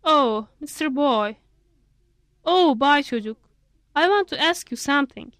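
A woman's voice: lively intonation, a little slow, fairly bright tone, no room sound, clean studio sound. A woman voicing a fussy, talkative male monkey who keeps asking questions. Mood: curious. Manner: high, prodding questions.

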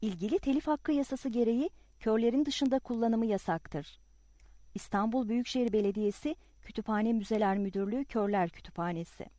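A woman reading a formal library announcement in a measured way. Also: fairly high pitch, dark tone, no room sound.

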